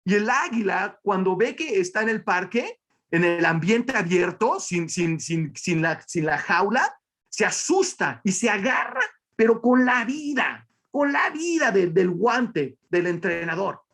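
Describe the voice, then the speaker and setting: High-voiced man telling a motivational fable. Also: measured pace. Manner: animated, repeats and restarts words often. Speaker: business leader giving a motivational talk. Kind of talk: motivational storytelling talk.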